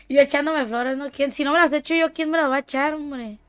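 A woman with a Mexican accent streaming a shooter game, chatting casually with playful, teasing, boastful banter. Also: high voice. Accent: Mexican Spanish. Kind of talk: casual gaming stream chat.

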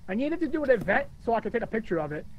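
A man's voice: very high-pitched, sing-song, muffled recording, a little hiss or hum. Man heard over in-game voice chat. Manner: playful, teasing, quick callouts. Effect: heard through in-game proximity voice chat. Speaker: co-op gaming partner. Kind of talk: casual gaming chat.

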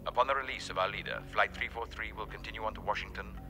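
A man plays a menacing hijacker in a film drama. He states demands formally and coldly in a low voice. Music runs clearly underneath. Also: natural voice. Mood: cold menace. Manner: measured, formal, threatening. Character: menacing male hijacker leader issuing cold demands. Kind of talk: recorded ultimatum in film drama.

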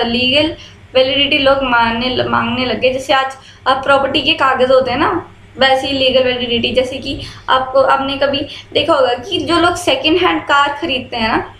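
A woman's voice: high-pitched, a bit bright, reverberant, poor audio. A woman teaching an exam-prep history lecture in a mix of Hindi and English with an Indian accent, explaining with everyday examples and many fillers. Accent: Indian English mixed into Hindi.

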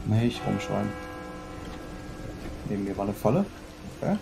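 A man's voice: on the low side, sing-song, a little slow, gravelly, background noise. A man narrating a horror game as let's play host, chatty and dropping English exclamations into his German.

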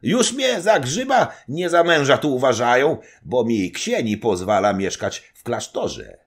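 Blustering old nobleman, loud, high and teasing, read by a man. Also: sing-song, measured pace, husky, full character voice. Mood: boastful.

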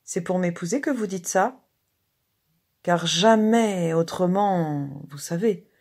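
A woman voicing a lively young working girl who is brisk, mocking and eager as she reads the story aloud. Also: medium pitch, husky, pitched above the performer's own voice. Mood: coy. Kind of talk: dramatized story reading.

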